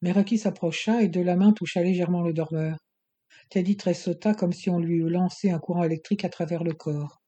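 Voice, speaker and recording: An audiobook narrator reading a novel in a steady, even storytelling manner. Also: medium pitch, brisk. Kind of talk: scripted narration.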